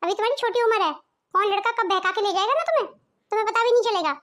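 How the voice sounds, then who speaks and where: An outspoken young daughter-in-law argues with sarcasm in a cartoon story, voiced by a woman. Her voice is extremely high and bright. She speaks her mind bluntly. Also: racing. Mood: suspicious. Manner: sarcastic, quarrelsome.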